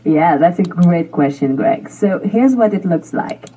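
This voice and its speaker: A woman coach answering as an interview guest, speaking frankly and explicitly as she calmly explains her advice over a remote call. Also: lowish voice, a little slow, breathy edge. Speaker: sex and relationship coach, guest. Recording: distant, muffled call audio.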